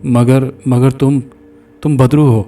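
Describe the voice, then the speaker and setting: A man's voice: fairly low pitch, steady tone, mellow, natural voice. A man voicing a terrified young man who stammers in fear in a horror story. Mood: frightened. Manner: stammering, fearful. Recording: distant mic with faint music.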